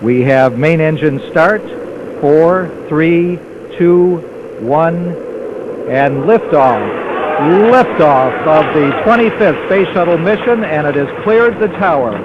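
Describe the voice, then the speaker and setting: Guy calling a launch countdown, slow and steady, kinda high voice, crackly broken-up mission radio, muffled old broadcast with heavy hiss. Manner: measured, steady announcing. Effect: crackly broken-up mission radio transmission. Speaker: launch commentator. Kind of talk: live launch countdown commentary. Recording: lo-fi noisy archival broadcast.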